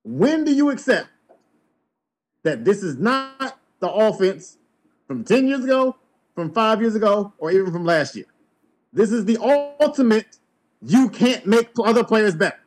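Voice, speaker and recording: Guy with a high voice ranting on a sports podcast, blunt and emphatic. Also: big pitch swings, a little slow. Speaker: podcast host.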